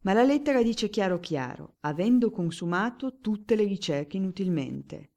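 A woman's voice: medium pitch, animated, normal speed, dark tone, natural voice. A woman voicing a dry, suspicious lawyer who speaks with emphatic courtroom oratory, in an audiobook reading. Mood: declaiming.

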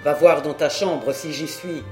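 Gruff old uncle, read by a woman, low voice, scheming, storybook reading, faint music behind. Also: fairly even intonation, unhurried, dark tone. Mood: sly, gruff.

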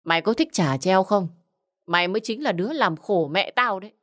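A woman's voice: mid-range voice, animated, brisk, a bit bright, natural voice. A woman voicing a rude, stingy middle-aged village man who scolds curtly. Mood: scolding. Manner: scornful, scolding, curt.

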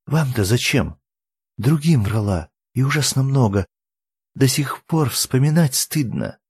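A man's voice: animated, measured pace, a little mellow, husky, dry recording, exaggerated voice. A man reading an audiobook, voicing a tearful young woman who pleads and blames herself. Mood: ashamed. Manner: high, pleading, breaking into sobs.

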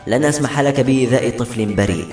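A man putting on a wise, steadfast wife and mother in a fantasy audiobook, earnest and moved yet firm, reading briskly. The sound is roomy, with faint music behind. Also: mid-range voice, darkish tone, lightly acted.

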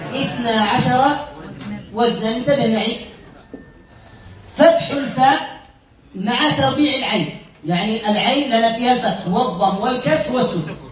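A man's voice: very high voice, brisk, pauses often, a bit bright, reverberant, low-quality recording. A man teaching a classroom lesson, quizzing his students, repeating points and correcting himself with a chuckle. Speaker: sheikh teaching Arabic morphology.

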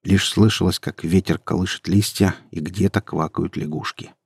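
A young man narrating a first-person story in a measured, low-key way. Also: fairly even intonation, vocal fry, breathy edge, no echo. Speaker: audiobook narrator.

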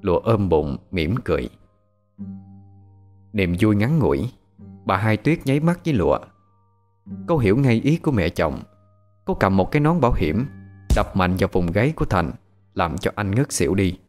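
A man narrating a ghost story in a measured, dramatic way. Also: fairly low pitch, sing-song, darkish tone, soft background music.

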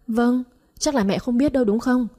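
A woman voicing a sharp-tongued, mocking middle-aged sister-in-law in a read-aloud story. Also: fairly high pitch, pitched above the performer's own voice, natural voice. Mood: scornful. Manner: mocking, scolding, quick jabs.

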